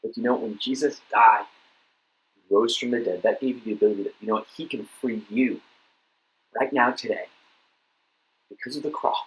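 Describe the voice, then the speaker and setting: A young man speaking to a youth group, easygoing and chatty, with a middle-pitched voice. He tells his story loosely, stumbling over and repeating words before he moves on to his point. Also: moderate pace, long pauses, poor audio. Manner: casual storytelling, many fillers and repeated words. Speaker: youth pastor. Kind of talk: youth talk sermon with personal story.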